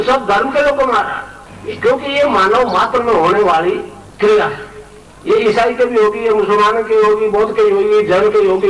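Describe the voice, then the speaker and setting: A man preaches as a spiritual guru, pressing his points and repeating them for emphasis. His voice sits high for a man. It reaches the mic from some distance in an echoey hall with a faint hiss underneath. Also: a bit bright. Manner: emphatic, repeats key phrases. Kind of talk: sermon to a gathering.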